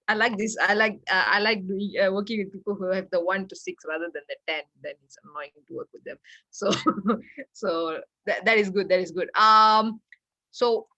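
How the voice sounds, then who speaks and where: A woman's voice: medium pitch, sharp tone, no room sound. A woman hosting an online workshop over a video call, chatty and laughing often. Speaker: workshop facilitator.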